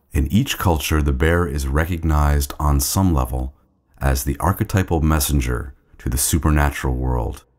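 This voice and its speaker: Very deep male nature documentary narrator. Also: a little mellow.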